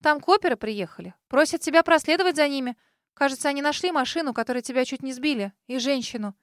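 Brief: narrator doing a concerned young maid, rushed and loud-ish. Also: female voice, sits high, expressive, no room sound, clean studio sound, voice pushed up. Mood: urgent.

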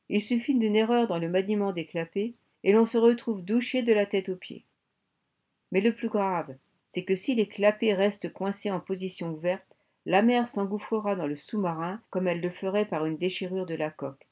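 A woman's voice: medium pitch, mellow, close to an everyday voice. A woman voicing an earnest, embarrassed German submarine bosun who explains things patiently, in an audiobook.

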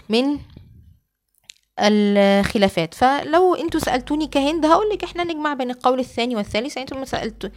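A woman with an Egyptian accent teaches in a fairly high voice. She explains in a relaxed, conversational way, then slows right down to recite her examples at length. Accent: Egyptian Arabic. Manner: shifts from colloquial explanation to slow, drawn-out recitation of examples. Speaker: Quran sciences teacher. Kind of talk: lecture.

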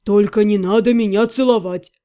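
A woman's voice: medium pitch, steady tone, moderate pace, dark tone, pitched below the performer's own voice, close to an everyday voice. A woman voicing a wry male half-gnome friend with a drawling, mock-dramatic manner. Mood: wry, teasing.

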